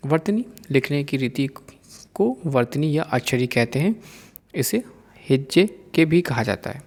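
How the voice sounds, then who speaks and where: Slow, methodical man reading a lesson. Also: a little high, lively intonation, darkish tone, long reverb tail. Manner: reads word pairs out one after another. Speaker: teacher. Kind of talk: exam-prep lesson.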